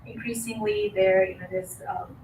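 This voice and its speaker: A woman's voice: mid-range voice, fairly even intonation. Bosnian-born woman in her 40s giving a talk, lots of ums, far from the mic, noisy hall. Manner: measured, many fillers. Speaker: guest speaker. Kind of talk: lecture with slides. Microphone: distant podium mic.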